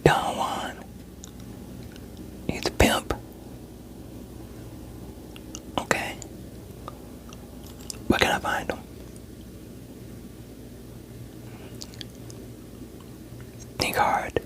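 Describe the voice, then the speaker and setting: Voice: slow, fairly bright tone. A performer in a whispered role-play voicing a veteran police interrogator who coaxes and pressures a suspect in a sceptical, streetwise way. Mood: probing, coaxing.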